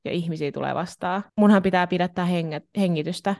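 A woman's voice: on the low side, vocal fry, darkish tone. A woman co-hosting a podcast, chatting playfully and mixing English phrases into her talk. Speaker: podcast co-host. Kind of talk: casual chat.

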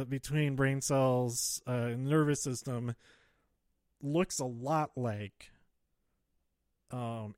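A man podcasting solo in a halting, rambling way, slightly out of breath as he speaks close to the microphone. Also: mid-range voice, no room sound. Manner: hesitant, halting, trailing off and circling back. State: slightly out of breath, holding back exhales. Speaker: podcast host. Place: close-miked, dry recording. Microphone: handheld or close microphone plugged into a phone.

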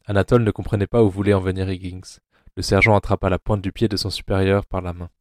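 A man narrating an audio drama in a grave, measured way. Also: deep voice, flat delivery, darkish tone, no room sound, studio quality.

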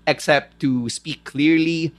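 Measured Filipino man co-hosting. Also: on the high side, fairly even intonation. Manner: measured, explanatory, mixes in Tagalog. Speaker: radio DJ and co-host. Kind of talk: casual chat.

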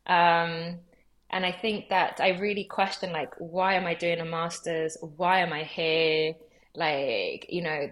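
A woman in her thirties, born in Peru and raised in Los Angeles and London, talking as a guest in a relaxed interview, chatty with lots of fillers and easy laughs. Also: fairly low pitch. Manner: chatty, many fillers and likes, laughs easily. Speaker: guest curator.

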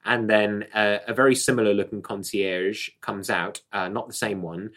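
A man's voice: fairly low pitch, fairly even intonation, moderate pace, fairly bright tone. A man with a British accent narrating as game master of a tabletop game, hesitant and full of fillers.

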